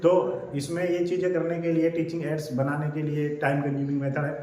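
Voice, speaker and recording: A male teacher giving an exam-prep lecture, repeating each point several times and reading English lines slowly before explaining them. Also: a little high, monotone, darkish tone. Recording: very echoey room, faint background noise.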